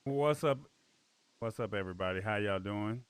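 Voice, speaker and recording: A man's voice: fairly low pitch, moderate pace, crowd noise. A man producing an online show, talking in an easygoing, organizing way over a video call. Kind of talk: casual chat.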